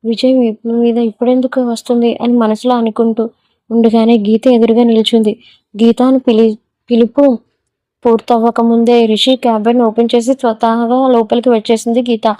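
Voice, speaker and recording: A woman's voice: fairly high pitch, little pitch movement, moderate pace, mellow, no room sound, low-quality recording. A woman reading a romantic story aloud, giving every character's lines in the same narrating voice.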